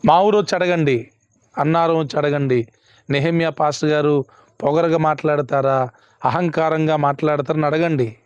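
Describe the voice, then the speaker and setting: A man's voice: on the high side, fairly even intonation, moderate pace, smooth, no room sound. A male pastor preaching a sermon, emphatic and repeating his questions to the congregation. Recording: dull lo-fi, dry sound.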